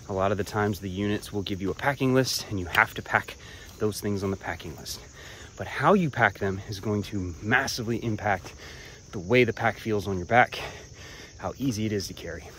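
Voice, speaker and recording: A man vlogging hiking tips while walking a trail outdoors, relaxed and a bit profane, talking between breaths. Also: lowish voice, slight background noise. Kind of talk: casual talk while hiking. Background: crickets and insects.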